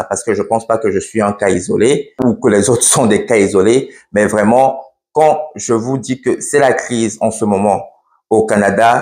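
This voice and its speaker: A man with a lowish voice vlogging in a blunt, matter-of-fact way, often restarting his sentences. His voice echoes noticeably around the room he records in. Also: darkish tone. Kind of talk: casual explainer vlog.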